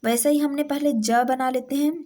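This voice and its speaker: A woman teaching shorthand in a patient, step-by-step way, often pausing to check that her students are following. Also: high voice, steady tone, mellow. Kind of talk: classroom-style tutorial.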